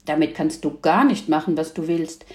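A woman's voice: low voice, moderate pace, darkish tone, lightly acted. Firm middle-aged uncle setting a child straight, read by a woman; roomy sound.

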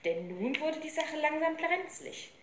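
Woman reading a children's book with lively pitch. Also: unhurried, slight background noise. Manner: lively storytelling. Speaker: reader. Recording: roomy with faint ambience.

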